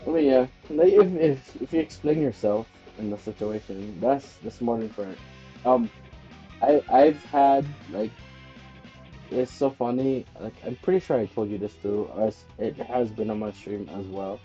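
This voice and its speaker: A man streamer talks in a loose, rambling way with a very dark, mellow tone. The sound is dull and lo-fi, with faint music playing behind him. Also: medium pitch, moderate pace. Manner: rambling, chatty storytelling. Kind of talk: casual chat.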